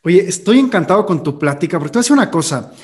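A man's voice: sits high, lively intonation, rapid-fire. A man hosting a casual interview, speaking in an enthusiastic, reflective way. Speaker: host.

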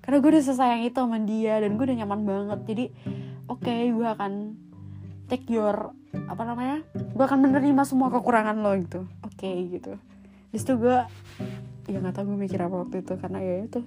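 Young woman podcast host, chatty and slangy, mellow tone. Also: fairly high pitch. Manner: slangy, chatty, swears often. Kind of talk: casual storytelling podcast. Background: faint guitar music.

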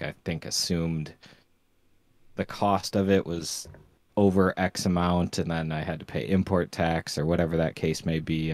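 A man with a low voice co-hosts a podcast and tells a rambling story, full of "um" and "uh". The sound is dry and close, with no room echo. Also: darkish tone. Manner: rambling storytelling with many fillers. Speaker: podcast co-host. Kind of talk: casual podcast chat.

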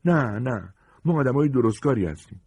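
A man's voice: medium pitch, expressive, warm tone, husky, no echo, voice pushed up. A man voicing a suspicious fat woman in a caravan who curtly turns away a stranger. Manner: curt, refusing.

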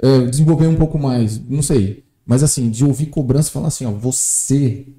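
A man hosts a podcast in a casual chat. He talks loosely, feeling his way toward his words. His voice is very dark and deep in tone, with a roomy studio echo around it. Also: a little fast. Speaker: podcast host.

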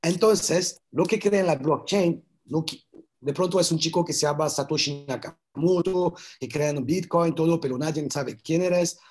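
A man's voice: fairly high pitch, measured pace, a little mellow. A man with a non-native accent in Spanish, talking earnestly in a casual interview, repeating words and making grammar slips as he searches for them. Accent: foreign, non-native Spanish. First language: not Spanish. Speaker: interview guest, filmmaker.

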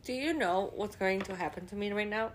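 A woman's voice: mid-range voice, fairly quick, a little hiss or hum. A woman from Europe, not a native English speaker, co-hosting a podcast with exasperated, swearing complaints. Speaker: podcast co-host. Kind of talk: casual late-night chat.

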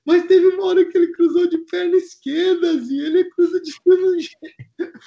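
Um homem imitando jogador jovem chorando em pânico. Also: male voice, very high-pitched, steady tone, moderate pace, dark tone, muffled recording, pitched above the performer's own voice. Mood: desperate. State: crying. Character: panicked young male footballer, sobbing, convinced he will lose.

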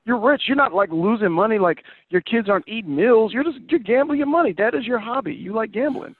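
High-pitched guy cohosting a podcast, playful, sounds like a tinny phone line, dry. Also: brisk. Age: adult parent. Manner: animated, playful storytelling. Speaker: podcast co-host. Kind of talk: casual chat.

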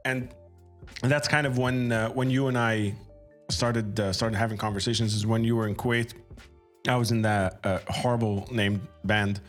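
Casual male podcast host, halting delivery. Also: fairly low pitch, little pitch movement, soft background music. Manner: halting, repeats words while phrasing questions. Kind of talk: casual chat interview.

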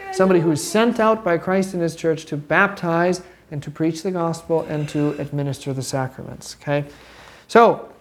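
A middle-aged woman teaching a catechism class to children, asking questions and prompting answers patiently. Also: fairly low pitch. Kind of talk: classroom Bible lesson with children.

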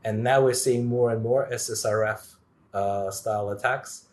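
A man speaking as a guest expert in a technical interview, animated, with many fillers and restarts. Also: lowish voice, moderate pace.

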